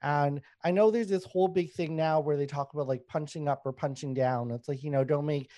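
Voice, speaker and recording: A Canadian comedian in his thirties with a fairly high voice tells stories candidly as a guest on a relaxed podcast, laughing easily and swearing freely. He talks fairly quickly and loosely, stuffing his lines with fillers. The sound is very dry and close, with no room sound at all.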